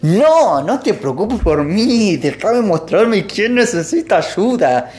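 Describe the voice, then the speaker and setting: A storyteller doing a self-righteous tattler of a brother, eager and wheedling, in a raised voice that rides high and stretches words out. Faint music sits behind the storybook reading. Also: very animated, takes it slowly, darkish tone.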